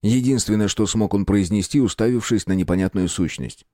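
A man narrating an audiobook story in a measured storytelling manner. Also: lowish voice, warm tone, no room sound, studio quality. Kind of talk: scripted narration.

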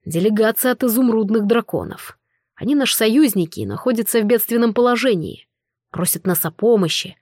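Woman narrator voicing a male dragon duke, earnest, smooth, self-assured, fairly high voice, dry sound. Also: animated, a little fast, darkish tone, dry recording. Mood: explaining. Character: male dragon duke, protective and sure of himself.

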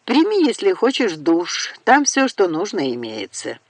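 A woman voicing an older uncle, a warm family patriarch, speaking briskly and heartily in an audiobook. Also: on the low side, huge pitch swings, no echo, heavily acted. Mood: hearty.

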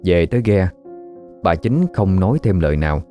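Low, mellow storyteller. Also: male voice. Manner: measured, even storytelling. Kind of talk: scripted narration. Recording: faint background music.

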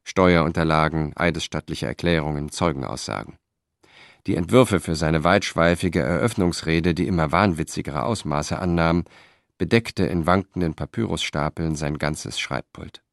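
Deep-voiced male audiobook narrator. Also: dry recording, studio quality. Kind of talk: scripted narration.

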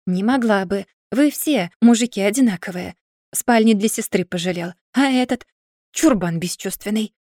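A woman's voice: mid-range voice, moderate pace, a little mellow, dry recording, studio quality, close to an everyday voice. A woman voicing a tearful, stubborn young werewolf wife in an audiobook, wailing and indignant.

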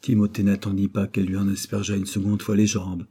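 A man reading a classic novel aloud as audiobook narration, in a steady, measured manner. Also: fairly low pitch, slightly rough. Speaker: audiobook reader.

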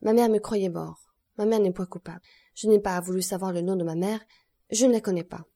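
Audiobook: a woman playing a bitter, defiant young convict, mellow voice. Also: mid-range voice, fairly even intonation, a little fast, natural voice. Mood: insistent. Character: young male defiant criminal in court.

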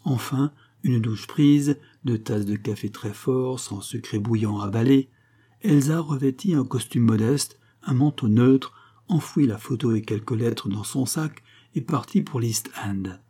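Dark-voiced, husky male narrator. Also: medium pitch, measured pace. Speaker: audiobook narrator. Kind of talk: scripted narration.

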